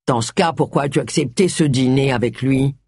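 Livre audio : lecteur donnant voix à un ami moqueur mais bienveillant, son sec et proche. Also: male voice, medium pitch, fairly quick, darkish tone, breathy edge, no echo, studio quality. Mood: taquin. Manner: teasing, reassuring. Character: man, an affectionate teasing friend. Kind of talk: audiobook character voice.

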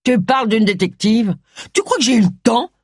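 A narrator voicing a sharp-tongued, irritable middle-aged woman detective in an audiobook. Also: mid-range voice, sing-song, a little fast, breathy edge, dry recording, clean studio sound. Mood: snappish. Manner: irritable, snappish. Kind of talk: audiobook character reading.

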